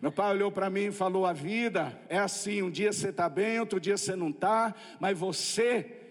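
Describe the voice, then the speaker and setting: Brazilian male preacher, high voice, comic storyteller, echoing church hall. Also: normal speed. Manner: lively storytelling with comic asides. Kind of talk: humorous testimony sermon.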